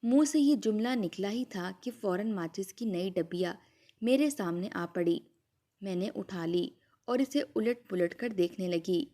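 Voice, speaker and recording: Female storyteller, mellow tone, steady earnest scripted narration. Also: mid-range voice.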